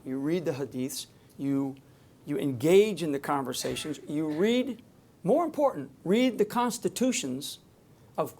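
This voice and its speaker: A man who speaks publicly on security addresses a live audience off the cuff, emphatic and digressive, often breaking off to restart sentences. His voice is fairly high with a darkish tone.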